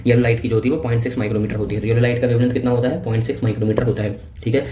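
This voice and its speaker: A man giving a casual Hinglish physics revision lecture. He keeps checking in with his students and reads textbook lines out slowly. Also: mid-range voice, mellow. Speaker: NEET physics teacher. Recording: echoey room with faint ambient noise.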